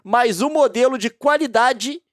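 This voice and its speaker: A woman with a Brazilian accent hosting a casual commentary, reading a news story aloud and mocking it with heavy, repeated emphasis and sudden loud outbursts. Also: a little high, a little slow, no echo, studio quality. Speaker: host.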